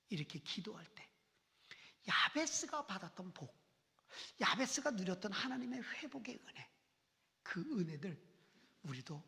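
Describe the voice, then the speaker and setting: A woman pastor preaching a Sunday sermon in a church, swinging between fervent, pleading outbursts and hushed, whispered passages. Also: on the low side. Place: church sanctuary. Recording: long church reverb.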